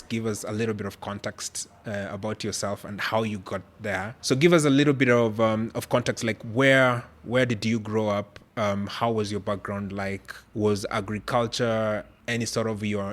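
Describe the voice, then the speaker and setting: Male host, lowish pitch, searching, filler-heavy questioner. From Kenya. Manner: hesitant, many fillers and restarts while forming questions. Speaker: podcast host. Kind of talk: conversational interview questions.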